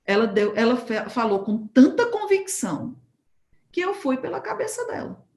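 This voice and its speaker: A woman preaching at a church home group, telling a testimony as a lively story and acting out the dialogue. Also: high voice, moderate pace, reverberant. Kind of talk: sermon testimony told as a story.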